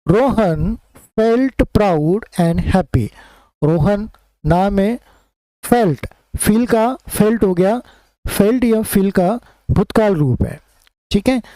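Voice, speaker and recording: Man, teacher reading and explaining sentences, unhurried delivery, mellow voice, dry close sound. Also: high voice, animated, no echo, low-quality recording. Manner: reads English slowly and deliberately, explains quickly in Hindi. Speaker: English teacher. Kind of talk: spoken English lesson with line-by-line translation.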